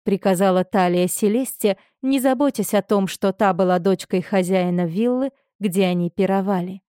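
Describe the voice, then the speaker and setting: A woman reading a novel aloud in a measured, expressive narration. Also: medium pitch, clear, resonant tone, no room sound, clean studio sound. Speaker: audiobook narrator. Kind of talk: scripted audiobook narration.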